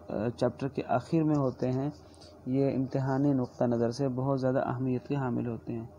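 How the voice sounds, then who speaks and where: A man with a Pakistani Urdu accent giving a recorded exam-prep lecture, explaining word meanings slowly and deliberately, repeating glosses. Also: mid-range voice, mellow. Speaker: teacher.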